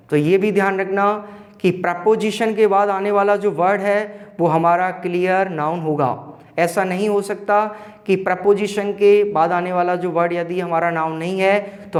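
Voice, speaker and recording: A man teaching an online grammar lesson, explaining slowly and repeating key terms. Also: sits high. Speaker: school teacher.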